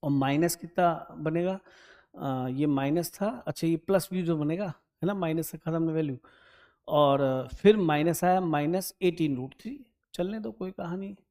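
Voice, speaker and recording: A man's voice: a little high, measured pace, a little mellow. A man teaching an exam-prep maths lesson, solving a problem step by step. He thinks aloud as he calculates, hums while checking numbers, and keeps turning to his students with "right?". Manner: chatty, addresses students directly and keeps asking "right?".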